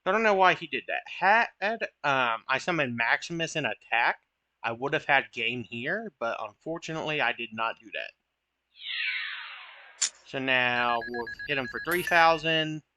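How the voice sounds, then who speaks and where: A man's voice: mid-range voice, lively intonation, normal speed, sharp tone, dull audio. A young man giving casual, chatty commentary over his own card game matches, joking at his own misplays. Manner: chatty, self-deprecating, occasional swearing.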